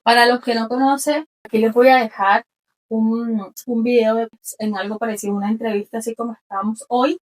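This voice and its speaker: A woman's voice: a little high, fairly even intonation, a little fast. A woman hosting an interview, asking questions in a friendly, encouraging way. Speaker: interviewer, channel host. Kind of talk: casual interview.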